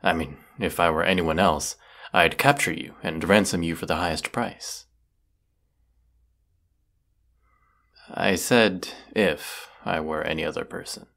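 Aloof and mocking, the sardonic, brooding wizard of the woods speaks with haughty deliberation, voiced by a man in a scripted audio roleplay. His voice sits low, a bit bright, with vocal fry.

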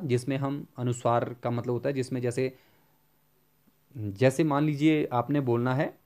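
A man giving an exam-prep Hindi grammar lecture, often asking a question and then answering it himself, and slowing down to spell out examples. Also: medium pitch, a little mellow.

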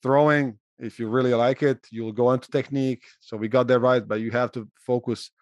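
Earnest coach, dry sound. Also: male voice, mid-range voice, steady tone, brisk, dry recording, muffled recording. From Croatia. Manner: earnest, adds "right?" to check in. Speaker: college throwing coach, host. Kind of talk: casual interview chat.

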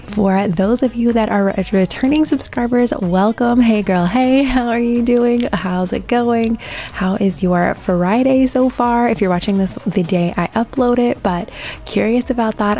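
A woman's voice: medium pitch, dark tone. A woman in her thirties chatting to viewers in a friendly, upbeat voice-over for her cleaning vlog. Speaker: cleaning vlogger.

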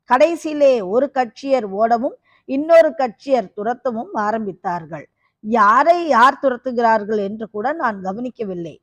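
A woman's voice: a little high, no echo, highs cut off, lightly acted. A woman doing a harsh-voiced fearsome kapalika woman. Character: fearsome female kapalika, once beautiful, half-crazed.

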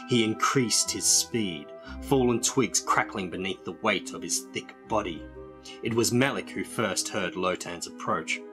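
A man reading a storybook aloud in a dramatic, measured way. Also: low voice. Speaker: storybook reader.

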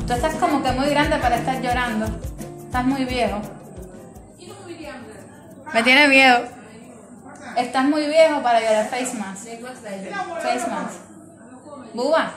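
A woman with a Cuban Spanish accent talks casually to her viewers from a hospital department in a high, slow, unhurried voice. She chats and coaxes a little patient along. Music plays clearly beneath her phone-recorded voice. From Cuba. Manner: chatty, coaxing a crying child. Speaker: vlogger and ultrasound worker. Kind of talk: casual vlog chat to viewers. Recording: music playing under the voice.

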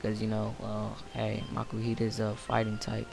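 A man's voice: lowish voice, completely flat delivery, moderate pace, vocal fry, music in the background. A tired young man rambling through casual let's-play commentary late at night, offhand and full of fillers. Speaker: gameplay commentator. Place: home room, late night.

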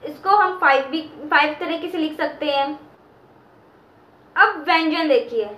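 Teacher, female, very high bright voice, slow and patient delivery, echoey room. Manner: repeats key terms and draws out chanted sounds. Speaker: Sanskrit teacher. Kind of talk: slow explanatory lesson.

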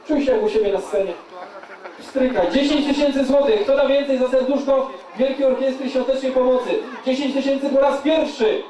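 A man's voice: very high voice, mellow. A man working as a playful charity auctioneer, calling and repeating bids from a stage. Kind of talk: live auctioneer patter, calling bids to a crowd. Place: event stage with live audience. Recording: echoey stage, far from the mic.

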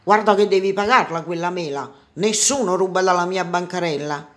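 A woman voicing an angry male fruit seller in a storybook reading, loud and scolding. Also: fairly low pitch, normal speed, lightly acted.

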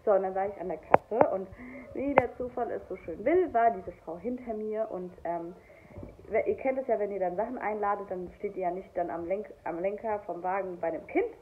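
A woman's voice: mid-range voice, moderate pace. A woman in her twenties, a young mother, telling a storytime vlog in a heated, indignant way. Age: 20s. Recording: tinny phone-like sound, faint noise.

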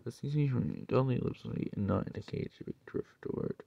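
A young man reading fan-made stories aloud, stumbling and halting with asides, over faint background noise. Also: medium pitch, big pitch swings, vocal fry, slightly rough, no room sound, highs cut off.

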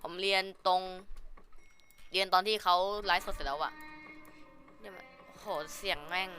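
A man's voice: high voice, bright, forceful tone. A young man hosting a gameplay video, easily startled, swearing and yelping as he plays. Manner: jumpy, yelps and swears when scared. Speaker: gaming channel host. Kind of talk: gameplay commentary.

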